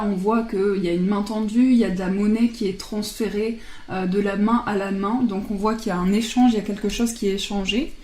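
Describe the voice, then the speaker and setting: A woman casually presenting oracle card decks, chatting and laughing softly at herself as she translates card titles aloud. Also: mid-range voice, reverberant.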